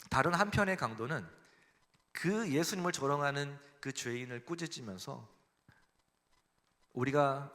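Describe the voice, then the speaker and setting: A man's voice: medium pitch, fairly bright tone. A man preaching a Sunday sermon as a church pastor, emphatic, acting out quoted voices and leading the congregation in reading. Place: church sanctuary. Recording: long reverb in a church hall.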